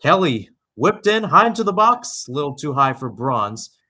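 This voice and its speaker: Here the young play-by-play man sounds a little high and sharp, with big swings in pitch at a normal speed. He's calling a soccer match live for radio, fixing his own words and slipping into casual side remarks.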